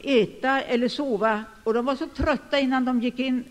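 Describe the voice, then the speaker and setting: An older man preaching a sermon, speaking emphatically and rising to sudden loud declarations. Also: very high voice, fairly even intonation. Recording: long hall reverb.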